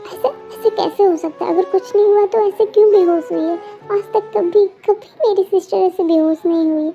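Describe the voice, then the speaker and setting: A woman's voice: extremely high pitch, fairly even intonation, moderate pace, vocal fry, dull audio, soft background music, voice pushed up. A young woman voicing a frantic, protective older sister in a fan-made story, pleading and accusing through tears.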